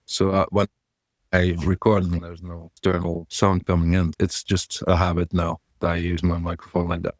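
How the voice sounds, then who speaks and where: A man guest in a casual interview, talking through his vocal gear in a relaxed, rambling way. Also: low voice, normal speed, no echo, clean studio sound.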